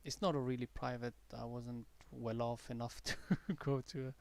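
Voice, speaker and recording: A man with a gravelly, creaky voice and an accent that blends American and British English. He talks through live trades in a loose, chatty way, trailing off into fillers and false starts. The sound is close and dry, with no room around it. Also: mid-range voice, little pitch movement, normal speed, no echo. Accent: mixed accent, partly American-tinged English learned abroad, softened by years in the UK. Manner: chatty and rambling, with many fillers and restarts. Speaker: day-trading livestream host. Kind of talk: casual live trading commentary.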